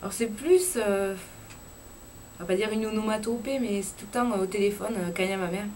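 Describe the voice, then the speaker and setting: A young woman with a southwest French accent from Lot-et-Garonne, chatting casually and frankly to her camera with lots of filler pauses. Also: medium pitch, a little mellow, a little hiss or hum. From Lot-et-Garonne, southwest France. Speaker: YouTuber. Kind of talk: casual chat vlog.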